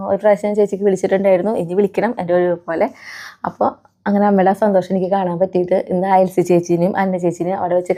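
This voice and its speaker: A woman with a Kerala Malayalam accent chatting casually to the camera in a family vlog, often tacking friendly asides onto her sentences for viewers. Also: mid-range voice. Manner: soft baby-talk when addressing her pets. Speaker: family vlogger.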